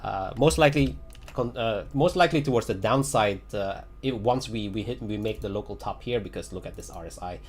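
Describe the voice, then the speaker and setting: His voice sits fairly low and moves briskly, with a touch of hiss or hum in the recording. He's a crypto chart analyst giving casual livestream commentary, hesitant and filler-heavy, repeating phrases and chuckling, while a long stream leaves his voice increasingly raspy.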